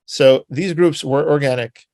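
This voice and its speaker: Gravelly man giving a rambling talk. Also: fairly high pitch, a little slow, a little mellow, no room sound. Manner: rambling and conversational with many filler words and tag questions. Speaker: presenter. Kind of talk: informal spoken history talk.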